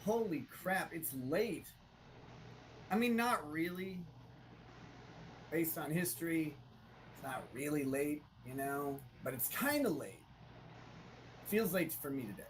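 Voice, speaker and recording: A man chatting on a live stream through a tinny, low-quality built-in computer mic, rambling and restarting his sentences. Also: expressive, slow, pauses often, slight background noise. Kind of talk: casual live-stream chat.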